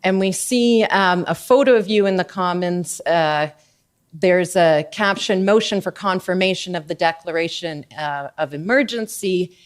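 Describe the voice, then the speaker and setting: At a public inquiry, a female lawyer with a somewhat low voice conducts a formal examination of a witness. She works methodically, reading document references slowly and using frequent fillers, picked up by a desk microphone in the hearing room.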